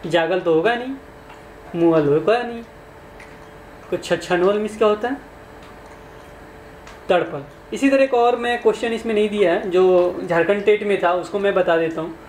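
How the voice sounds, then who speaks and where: A man's voice: high-pitched, normal speed, long pauses, a little mellow. A man, teaching exam questions in a conversational way and asking his listeners questions. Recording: echoey room, faint background noise.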